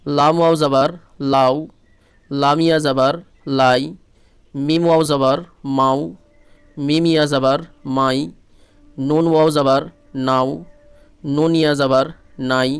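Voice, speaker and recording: A man's voice: medium pitch, smooth, dry recording. A man with a Bangladeshi Bengali accent teaching Quran reading, patiently spelling out syllables one by one in a repetitive drill.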